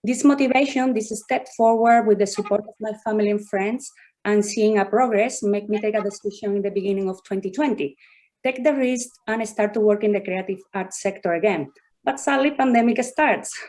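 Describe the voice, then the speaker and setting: Woman, thirties, Spanish accent, careful halting phrasing, video call, mid pitch. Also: a little mellow. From southern Spain. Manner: slow, careful, non-native phrasing with filler pauses. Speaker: contestant artist. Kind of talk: presenting her work on a video call.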